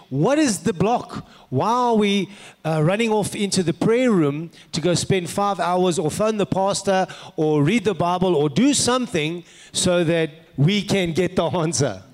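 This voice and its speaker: A male pastor with a broad South African accent delivers a sermon in a fairly high-pitched voice. His manner is conversational and questioning, like someone telling stories to a congregation. The sound carries the long reverb of a hall. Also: lively intonation, a little slow. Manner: conversational, rhetorical questions to the listeners. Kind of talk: sermon with personal anecdotes. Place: large indoor hall, preaching to an audience.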